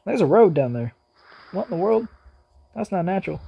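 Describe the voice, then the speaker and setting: A man's voice: high-pitched, big pitch swings, brisk, gravelly, slightly rough, lo-fi sound. A man hosting a reaction video, talking casually and musing aloud as he speculates.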